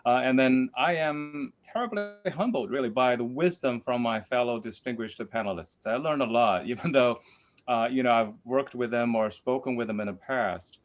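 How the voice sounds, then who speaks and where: A man's voice: medium pitch, normal speed. A man on a webinar panel giving gracious, formal closing thanks. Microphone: video call.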